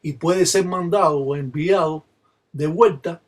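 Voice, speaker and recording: A man, a Palo Mayombe practitioner, explaining a ritual in Spanish and reciting its chants in a steady rhythmic way. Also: a little high, measured pace. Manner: rhythmic call-and-response recitation.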